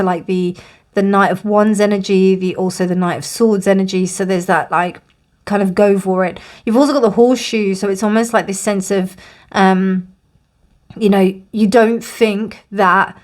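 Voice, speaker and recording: Woman, tarot reader, chatty and rambling, a bit breathless, mid pitch. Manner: rambling, many fillers and restarts. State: out of breath, dry mouth. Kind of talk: casual spoken tarot reading.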